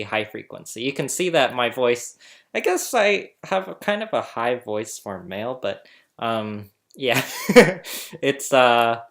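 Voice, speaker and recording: A man with a mid-range, fairly bright voice hosts a casual phonetics tutorial indoors, recorded through a laptop webcam mic. He's chatty and laughs often while explaining.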